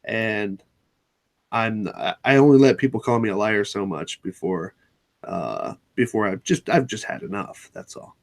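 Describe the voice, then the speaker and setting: A man's voice: fairly low pitch, lively intonation, measured pace, vocal fry. A man hosting a casual chat, blunt and sarcastic, swearing freely and often restarting his sentences. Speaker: channel host.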